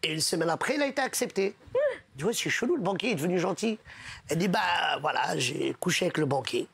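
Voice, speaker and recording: This comedian's voice sits high, gravelly and slightly rough, and he talks at a quick pace. Telling jokes on a comedy show, he animatedly puts on a separate voice for every character.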